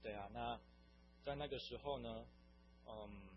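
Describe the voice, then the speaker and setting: A young man from Taiwan tells his personal faith testimony in an earnest, wandering way, at an ordinary middle pitch. The recording is dull and lo-fi, with a faint hum underneath. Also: a little slow. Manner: earnest, meandering storytelling. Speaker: testimony speaker.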